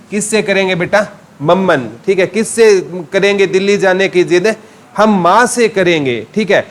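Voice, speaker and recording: A man's voice: high-pitched, a bit bright. A man teaching a general knowledge class with a Haryanvi accent, asking questions and answering them himself. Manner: asks questions and answers them himself, calling listeners "beta". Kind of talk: classroom lecture with memory tricks.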